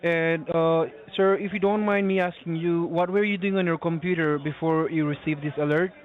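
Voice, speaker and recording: Male call center agent, tinny phone line, slightly high pitch, polite, halting, scripted tech support. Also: fairly even intonation.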